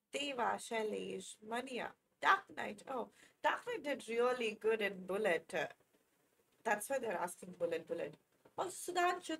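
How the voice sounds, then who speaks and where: A woman's voice: fairly high pitch, a bit bright, a little hiss or hum. A woman in her twenties with an Indian English accent, chatting casually with viewers on a live chess stream, reacting to chat and laughing often. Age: 20s.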